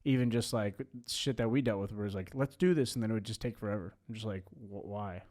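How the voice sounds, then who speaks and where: A man's voice: fairly low pitch, quick pace, a little mellow. A man in his late twenties in a casual podcast chat. He rambles, full of "like" and restarts. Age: 20s.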